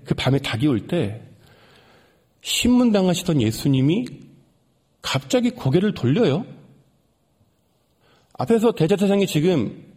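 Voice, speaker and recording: Animated husky-voiced male preacher. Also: high voice. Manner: animated, dramatic, swings between rising emphasis and soft hushed lines. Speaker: pastor. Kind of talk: sermon storytelling.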